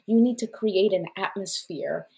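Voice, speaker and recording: This live-stream host, whose first language was Portuguese, has a gravelly, mellow, mid-range voice and speaks at a measured pace. She reads oracle cards in casual, effusive chat sprinkled with fillers and little laughs.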